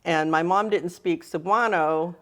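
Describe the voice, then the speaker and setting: A woman's voice: lowish voice, a little slow. A middle-aged woman guest, born in the Philippines and raised in Southern California, chatting casually in an interview, laughing easily and trailing off with "you know". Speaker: guest, fashion design instructor.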